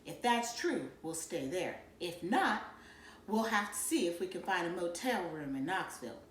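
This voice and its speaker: Woman reading as a calm, organized mother. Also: lowish voice, moderate pace, slight background noise, voice pushed down. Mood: planning. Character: organized, calm mother planning a family trip. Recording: roomy echo.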